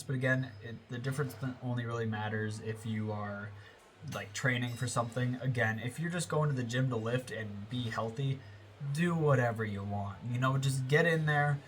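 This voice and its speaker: A man's voice: mid-range voice, normal speed. Young man, American accent, stuffy nose, casual rambling voiceover, faint hiss. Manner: rambling, with self-corrections and filler words. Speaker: fitness vlogger. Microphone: close voiceover mic.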